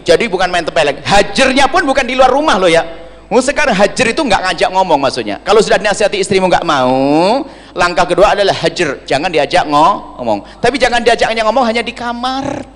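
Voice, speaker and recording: A man preaching a sermon, humorous and animated, slipping into little acted asides. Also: sits high. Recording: long hall reverb.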